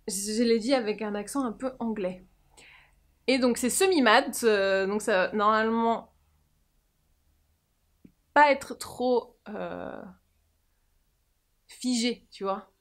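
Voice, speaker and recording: Woman, beauty vlogger, chatty and jokey, slightly high voice, close mic. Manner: chatty, jokey, lots of fillers and laughs. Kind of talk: casual make-up tutorial chat.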